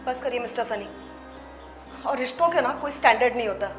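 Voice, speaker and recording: A woman's voice: on the high side, fairly quick, lightly acted. An actress playing a principled woman boss who firmly scolds her staff in defense of her husband. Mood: indignant. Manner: firm, scolding, reproachful. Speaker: office boss and wife. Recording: echoey room with faint music.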